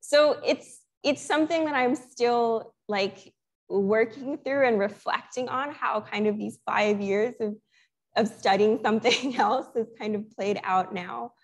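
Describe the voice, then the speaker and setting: A woman's voice: fairly high pitch, a little slow. Thoughtful young woman artist, from Sri Lanka. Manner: reflective, thoughtful, many restarts and fillers. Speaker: guest artist. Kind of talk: conversational Q&A talk.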